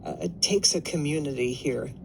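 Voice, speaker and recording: A man's voice: expressive, normal speed, vocal fry, a little mellow. A man hosting a public radio interview, talking conversationally in tentative, reflective phrases. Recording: low rumbling background noise.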